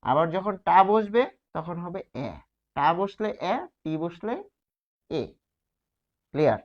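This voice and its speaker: A man's voice: high voice, animated, slow pace. Man teaching grammar in a lo-fi recording. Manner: explains step by step, asks and answers his own questions. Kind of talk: grammar lesson at a whiteboard. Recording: slightly dull, lo-fi sound.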